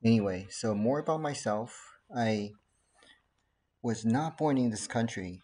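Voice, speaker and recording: A man in his forties, originally from Taiwan, talking calmly and earnestly to his laptop webcam from his living room, with frequent fillers. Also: medium pitch, a little slow. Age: 40s. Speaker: pediatrician. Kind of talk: casual talk to camera.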